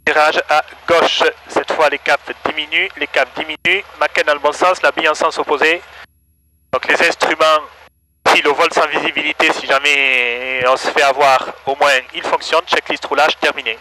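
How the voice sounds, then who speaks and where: A man's voice: on the high side, moderate pace, low-quality recording. Man on a cockpit headset, engine roaring. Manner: calm, methodical checklist patter. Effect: pilot talking over a cockpit headset. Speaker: flight instructor. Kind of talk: talking through preflight checks. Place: small plane cockpit. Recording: loud engine noise behind.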